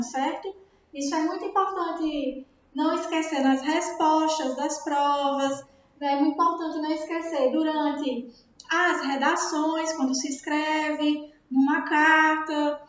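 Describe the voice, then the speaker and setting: A woman with a Brazilian Portuguese accent, teaching a grammar lesson and often checking understanding with tag questions. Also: high voice. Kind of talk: recorded classroom lesson. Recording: very echoey room, dull sound.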